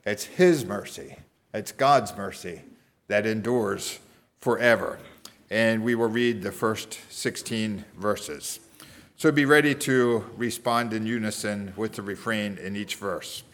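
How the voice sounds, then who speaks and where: A man's voice: on the low side, fairly bright tone. Man leading a responsive psalm reading. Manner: measured, instructive. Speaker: worship leader. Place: church sanctuary.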